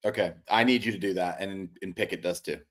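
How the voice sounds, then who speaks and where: A man co-hosting a sports betting podcast in casual chat, blunt and dismissive with a deadpan, teasing manner. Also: sits low, fast talker.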